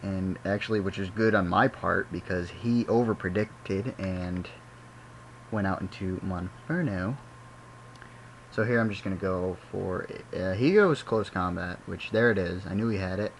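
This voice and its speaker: Low-voiced young man narrating a game. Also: measured pace, a little hiss or hum, rough recording. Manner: rambling, self-correcting, chatty. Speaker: gaming commentator. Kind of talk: casual game commentary.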